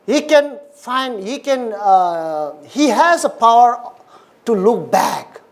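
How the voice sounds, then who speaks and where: A Buddhist lecturer speaks in a middle pitch. The talk comes in short, plain, repeated phrases, steady and earnest, like a dharma class. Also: slow pace. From Nepal.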